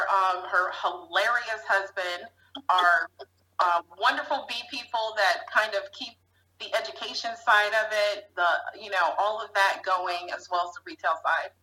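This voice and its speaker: Bright, animated woman podcast host. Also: mid-range voice, a little slow, rough recording. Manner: animated storyteller. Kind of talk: casual chat.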